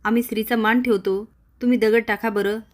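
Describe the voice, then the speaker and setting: A woman's voice: fairly high pitch, steady tone, fairly quick, natural voice. A woman voicing a cheeky young village man who teases his elders. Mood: teasing. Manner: teasing.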